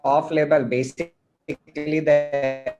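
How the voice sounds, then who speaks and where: Indian english guy on a glitchy video call, audio keeps breaking up, polite, a bit high-pitched. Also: level tone, slow pace, dull audio, over loud music. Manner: polite, deferential. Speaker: panelist doctor. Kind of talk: online panel discussion.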